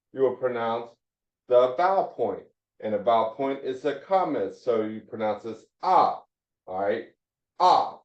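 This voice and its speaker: A man teaching a Hebrew phonics class, explaining slowly and repeating his points as he writes on a board. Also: medium pitch, warm tone. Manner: slow, repeats points, restarts mid-sentence. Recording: echoey room, dull lo-fi sound.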